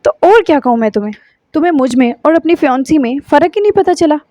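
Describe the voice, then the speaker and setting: A woman's voice: sits high, lively intonation, warm tone, dry recording, pitched above the performer's own voice. Woman reading as a bitter, sarcastic young woman. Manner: sarcastic, accusing. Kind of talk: audiobook novel reading.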